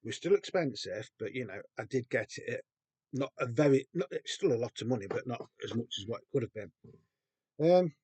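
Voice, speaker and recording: A man's voice: medium pitch, animated, brisk, mellow, slightly rough, no echo. Chatty man, dry close sound. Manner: chatty, rambling, with frequent ums and restarts. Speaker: record collector. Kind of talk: casual show-and-tell.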